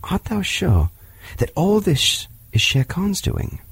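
A man doing an eager, high-voiced jungle boy. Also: slow pace, creaky, husky, no echo, exaggerated voice. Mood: worried. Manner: earnest and excited. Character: eager, bold wild boy raised by wolves.

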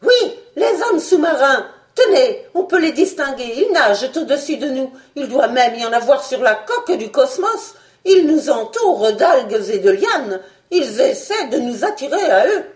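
A woman voicing a commanding older male scientist who shouts urgent orders. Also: on the high side, big pitch swings, normal speed, hardly any pauses, echoey room. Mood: alarmed. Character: commanding elderly male scientist, cool-headed.

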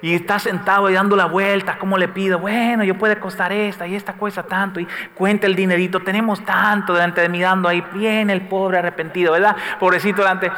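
A middle-aged man preaching a sermon as pastor. He tells stories, swells to loud calls and drops to soft asides. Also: sits high, level tone, a little fast, few pauses. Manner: preaching with sudden rises and soft dips, storytelling asides. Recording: echoey hall, faint room noise.

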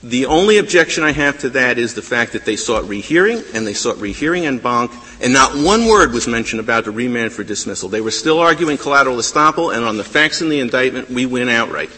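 Insistent lawyer man, bright and husky. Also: mid-range voice, animated, quick pace, few pauses. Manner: insistent, argumentative, stumbles and repeats words. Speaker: lawyer arguing before a high court. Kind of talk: appellate oral argument. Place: large courtroom. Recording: courtroom with long reverb.

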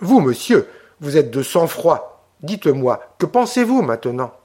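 Impatient, mocking official man, read by a male narrator, moderately high voice. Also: big pitch swings, a little slow, darkish tone, husky, full character voice. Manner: impatient, condescending.

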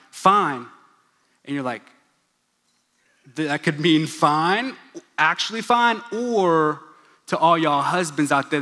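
Joking through a casual sermon, a young Oklahoma pastor makes asides to the congregation in a large church hall whose long reverb fills the recording. His voice is fairly high-pitched, pushed and bright.

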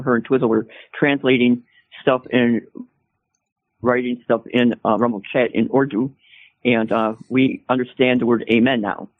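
A man talks casually and haltingly, filling gaps with small hesitations. His husky voice comes through a choppy, breaking-up call line that sounds thin and phone-like. There is no room sound around it. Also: medium pitch, dry recording. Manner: hesitant, with many fillers. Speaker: ministry participant on a call. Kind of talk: casual chat over a call. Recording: tinny phone-like call audio, dry.

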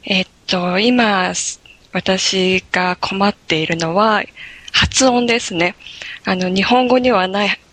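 A woman guest in a conversational interview, explaining things in a relaxed way. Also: medium pitch, takes it slowly, dry recording.

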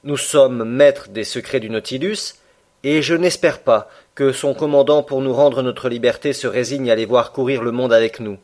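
Guy reading a thoughtful professor type, measured, talks it through calmly. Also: medium pitch, close to an everyday voice. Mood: reasoning. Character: thoughtful middle-aged naturalist professor.

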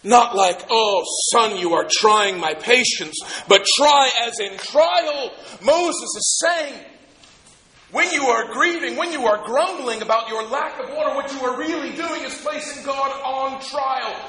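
A man preaching a sermon as pastor, emphatic, swinging between loud stresses and quiet asides. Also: extremely high pitch, a little slow, echoey room, rough recording.

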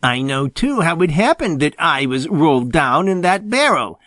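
A man's voice: on the high side, very animated, moderate pace, a bit bright, dry recording. Storybook skunk, sly and vengeful, with a raised, teasing, dry voice, as a male narrator puts him on. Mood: taunting. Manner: mocking, taunting warning.

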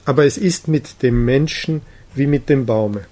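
A grave, solitary prophet speaking slowly and with calm weight, as a man reads him aloud. His speech is measured and solemn, with unhurried pauses in an audiobook reading. The voice sits at an ordinary middle pitch for a man. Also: natural voice.

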